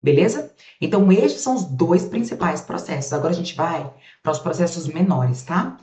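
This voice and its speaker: A woman with a Brazilian accent teaching a grammar lesson. She chats with her students as she goes, asks their questions for them and answers them, and spells out sounds slowly while she writes. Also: on the low side, lively intonation, warm tone. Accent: Brazilian Portuguese. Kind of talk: recorded classroom lesson. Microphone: camera set up in front of her. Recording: roomy, slightly dull sound.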